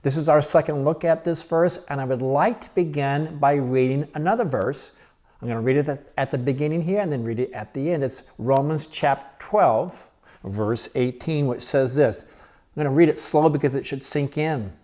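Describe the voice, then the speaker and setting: Earnest older pastor, preaching conversationally. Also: male voice, fairly high pitch, darkish tone. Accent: Pacific Northwest American. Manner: conversational, earnest, with restarts and slowed-down emphasis. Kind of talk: sermon.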